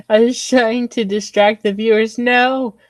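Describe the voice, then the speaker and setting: A woman's voice: a little high, steady tone, slow pace, dry recording. A young woman co-hosting a podcast, chatting casually and telling a story with frequent laughs and filler words. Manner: chatty storyteller, laughs often, says "anywho". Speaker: podcast co-host. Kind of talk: casual chat.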